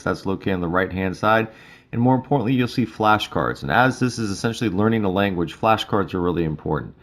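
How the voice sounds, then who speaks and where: A male instructor giving a relaxed, casual walkthrough of a mobile study app, with frequent fillers. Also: fairly low pitch. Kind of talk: screen-recorded app tutorial.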